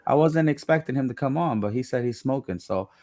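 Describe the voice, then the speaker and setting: A man's voice: medium pitch, lively intonation, fairly quick, a little mellow, dry recording, studio quality. A man hosting a casual live-stream chat, upbeat, greeting guests and reading comments over a video call. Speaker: host.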